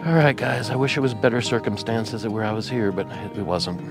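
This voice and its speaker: A man vlogging from his RV, talking tearfully and haltingly with many pauses and fillers. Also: lowish voice, over loud music. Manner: rambling, halting, with many ums and uhs. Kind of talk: casual vlog talk to camera.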